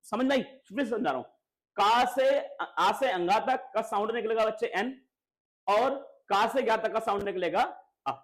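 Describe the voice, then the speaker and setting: A man teaches schoolchildren a grammar lesson, asking questions and repeating them in a lively, coaxing way. His voice sits high and his pace is moderate.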